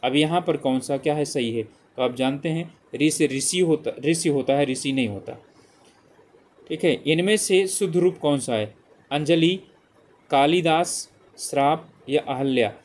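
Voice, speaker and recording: Speaking at a measured pace in a slightly high voice, a male teacher goes question by question through a spelling exam. The lesson is multiple-choice prep, and he repetitively reads out the options while checking in with frequent "ठीक है"s.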